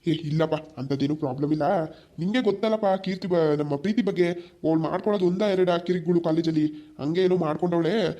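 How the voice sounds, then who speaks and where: A man voicing an older male elder who calmly consoles a worried brother in a village drama. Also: on the high side, fairly quick, natural voice. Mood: consoling. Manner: consoling, fatherly. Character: older male elder called Baba, reassuring.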